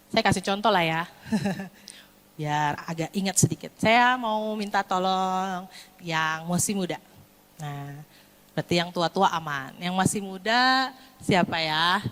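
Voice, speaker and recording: A woman preaching a lively sermon to a congregation, acting out scolding and comforting parents. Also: on the low side, a little slow. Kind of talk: sermon with acted parent role-play. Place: church hall. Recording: long hall reverb.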